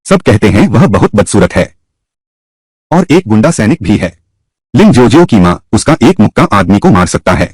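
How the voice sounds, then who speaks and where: A man's voice: lowish voice, very animated, normal speed, a little mellow, slightly rough, no room sound. A man voicing a whiny spoiled young woman. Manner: pleading and whiny. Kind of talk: dubbed drama voicing.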